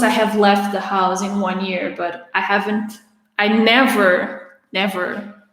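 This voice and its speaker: A woman in her twenties hosts a casual Q&A livestream, chatting through viewer questions with frequent restarts and laughter. Her medium-pitched voice is raspy and a little strained, as if she's having trouble speaking, and it echoes in a roomy space with a long reverb tail.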